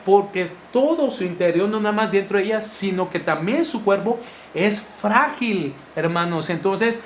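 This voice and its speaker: Animated Mexican man teaching the Bible. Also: high voice. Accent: Mexican Spanish. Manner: animated, acts out voices of wives and husbands. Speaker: church teacher. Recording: echoey room with faint noise.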